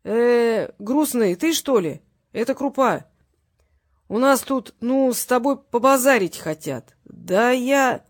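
A woman's voice: a little high, animated, slow, dry recording, clean studio sound, voice pushed up. A woman voicing a frightened fat male thug who mumbles hesitantly, in an audiobook. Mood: scared.

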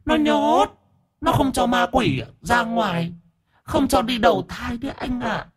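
Brief: a camp bald ghost, high breathy falsetto, lilt, whiny and sassy, storybook telling. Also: male voice, animated, measured pace, heavily acted. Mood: whiny lament. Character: camp, sharp-tongued bald male ghost, tearful.

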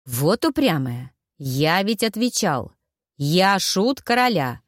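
A woman reading the lines of a playful, sly male court jester in an audiobook, in a slow teasing drawl. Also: fairly low pitch, sing-song, no echo, clean studio sound, full character voice.

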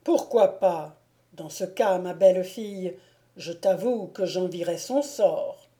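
A woman voicing a gruff male noble wolf-hunter, loud, teasing and commanding, in a storybook reading. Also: on the low side, takes it slowly. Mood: teasing, bluff.

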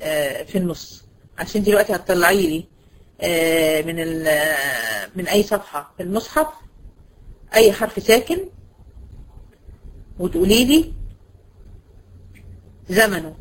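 A woman with an Egyptian accent teaching a tajweed lesson, quizzing her students and answering her own questions, and slowing down to draw out example words. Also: fairly low pitch, rough recording. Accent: Egyptian Arabic. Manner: brisk, asks students questions and answers them herself; slows to stretch out example words. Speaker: Quran recitation teacher.

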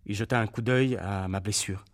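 A man giving an expressive, dramatic reading of a war memoir for radio, voicing the sounds of shells and cries. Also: on the low side, moderate pace. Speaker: reader on a radio documentary.

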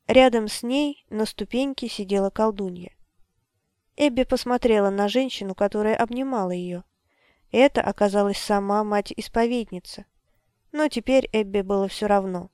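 Smooth-voiced woman narrating a story. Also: mid-range voice, dry recording, clean studio sound. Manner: even, storytelling read. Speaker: audiobook narrator. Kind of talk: scripted narration.

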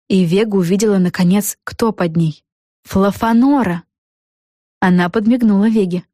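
A woman reads a storybook aloud in a clear, even narration. Her voice sits at a mid pitch. The recording is close and dry, with no room echo. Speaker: audiobook narrator.

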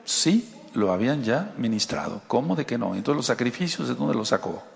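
A man's voice: medium pitch, very animated, normal speed, vocal fry, long reverb tail. A man with a Mexican accent, giving a conversational sermon as a Torah teacher and asking his listeners rhetorical questions. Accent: Mexican Spanish.

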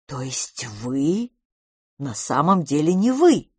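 A woman reading the part of a shy, flustered governess in an audiobook, speaking hesitantly and softly. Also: deep voice, sing-song, slow pace, husky, no echo, studio quality, exaggerated voice. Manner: hesitant, breathless, faltering. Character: timid, flustered middle-aged governess.

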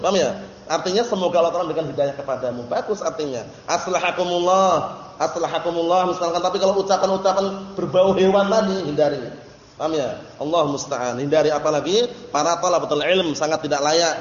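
A man's voice: high-pitched, roomy sound, in a large hall, dull audio. A man giving a religious study lecture, explaining terms patiently and checking that his listeners follow. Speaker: religious teacher.

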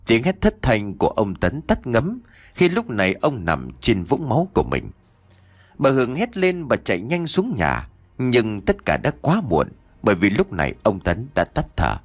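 A man's voice: medium pitch, wildly swooping pitch, normal speed, dry recording. A man narrating a ghost story and voicing its characters himself. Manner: voices every character in quoted lines. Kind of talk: scripted horror story narration.

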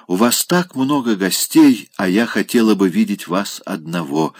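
A man's voice: lowish voice, lively intonation, moderate pace, dry recording. A man voicing a vain, coquettish middle-aged lady who speaks in an affected, flirting way, in an audiobook reading. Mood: flirtatious.

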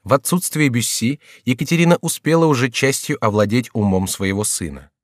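A man's voice: medium pitch, expressive, brisk, no echo, studio quality. Man narrating a classic novel. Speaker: audiobook narrator. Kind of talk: literary audiobook narration.

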